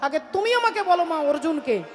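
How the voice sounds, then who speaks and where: A woman's voice: very high voice, lively intonation, fairly quick, a little mellow. A woman storyteller voicing a young warrior prince who presses his mother with urgent, repeated questions. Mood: demanding. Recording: reverberant hall with music behind.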